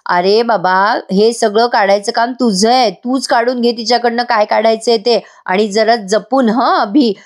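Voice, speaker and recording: A woman's voice: fairly high pitch, steady tone, moderate pace, hardly any pauses, natural voice. A woman reading the lines of a frank male best friend who gives earnest, insistent advice, in her own voice.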